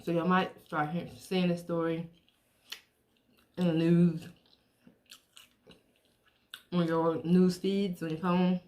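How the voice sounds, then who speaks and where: A middle-aged woman chatting casually to viewers while she eats, chewing as she talks and pausing between bites. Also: on the low side, little pitch movement, a little mellow. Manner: chewing while talking, with pauses to eat. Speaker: mukbang vlogger.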